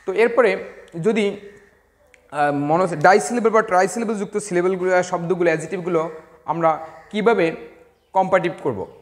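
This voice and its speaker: High-voiced man teaching grammar slowly. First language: Bengali. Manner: slow and deliberate, spelling words letter by letter, with hesitations. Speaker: English teacher. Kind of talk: classroom grammar lesson.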